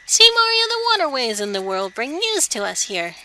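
A woman's voice: high voice, very animated, normal speed, over loud music, pitched above the performer's own voice, poor audio. A woman voicing a naive, eager young tadpole boy from a video game, exclaiming in a childlike way. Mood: excited. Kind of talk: video game dialogue read aloud.

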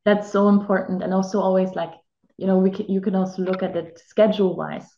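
A native German woman in her 30s, an actress and life coach, appears as a chatty guest in a casual video-call interview from a home room with a bare wall. Her medium-pitched, steady voice runs a little fast, and she's reflective and talkative, using lots of filler "like"s. The call audio sounds roomy and dull.

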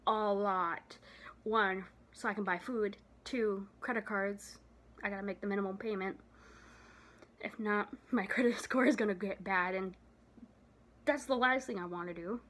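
A woman's voice: medium pitch, a bit bright. Tired young woman rambling into her phone. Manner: rambling, filler-heavy, trailing off. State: tired, out of breath. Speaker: vlogger. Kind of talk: casual vlog chat. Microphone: phone camera.

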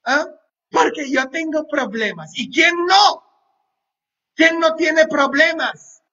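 A priest preaches a homily in a lively, joking way, tossing quick questions and asides at his listeners. His voice sits high and bright, and he takes his time over the words. The recording is dull and lo-fi. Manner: half-sings song lines loudly. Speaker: pastor. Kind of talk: sermon.

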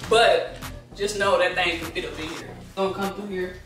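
A woman's voice: fairly low pitch, fairly even intonation, normal speed, echoey room, music in the background. A woman in her thirties giving a laid-back, chatty house tour to her viewers on a handheld camera. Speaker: vlogger. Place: indoors and backyard of a house.

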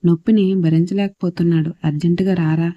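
Casting: woman playing a worried middle-aged uncle in an audio story, alarmed, dark muted tone. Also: fairly high pitch, fairly even intonation, fairly quick, dry recording, dull audio, lightly acted.

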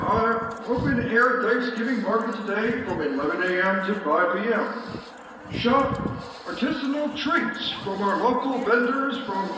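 A man making a public address announcement over a shopping mall loudspeaker. He reads a list of items in an upbeat, promotional tone. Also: high voice. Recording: echoey PA loudspeaker heard from far off, noisy.

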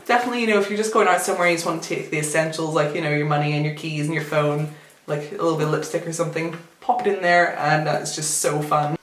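A woman's voice: deep voice, quick pace. A young woman chatting casually through a clothing haul video, giggly and full of fillers. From United Kingdom. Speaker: vlogger. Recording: echoey room, faint noise.

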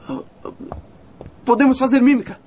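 Conspiratorial fake priest, lively and persuasive. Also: male voice, on the high side, a little fast, a little hiss or hum. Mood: coaxing. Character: man posing as a priest, sly and coaxing. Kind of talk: dubbed film acting.

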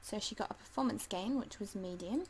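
A woman's voice: mid-range voice, brisk, a little mellow, low-quality recording. A woman casually commenting as she plays a life simulation game, chatty and hesitant, full of ums, and talking to the game characters. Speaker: let's play gamer.

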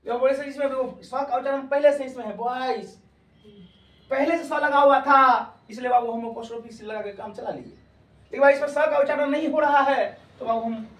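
High-voiced man teaching grammar in a classroom. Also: normal speed. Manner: calls students "babu", quizzes them loudly. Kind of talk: classroom lecture. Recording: echoey classroom from far off.

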